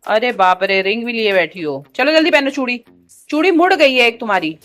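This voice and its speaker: High-voiced mom coaxing her kids. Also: lively intonation, a little fast, a bit bright, faint music behind. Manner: coaxing and scolding small children, playful mock threats. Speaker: mother vlogging her day with three young children. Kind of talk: casual home vlog, talking to camera and to her kids. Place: at home, indoors.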